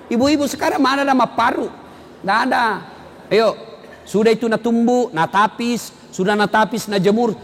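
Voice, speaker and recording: A male Islamic preacher, giving a humorous sermon and telling stories in an animated, teasing way with sudden shouts. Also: sits high, slight background noise. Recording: reverberant hall with faint ambience.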